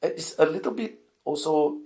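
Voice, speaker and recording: A middle-aged university lecturer with a Singaporean English accent answers interview questions reflectively. His gravelly, warm voice sits on the high side at a normal speed. He thinks aloud, often restarting phrases and tagging his points with a rhetorical "right?".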